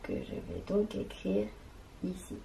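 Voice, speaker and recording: A woman gives a classroom lesson at a very slow, careful pace. Her voice is mellow and soft-edged, and she lingers on each syllable and sound as she spells them out. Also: mid-range voice, big pitch swings, gravelly, slight background noise, low-quality recording. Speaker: teacher.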